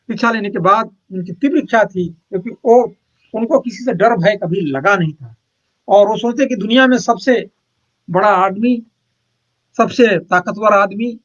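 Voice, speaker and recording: A man's voice: high voice, fairly bright tone, highs cut off. A man, a monk, retelling a spiritual anecdote in a rambling, repetitive way, with many hesitations and checks that his listeners follow.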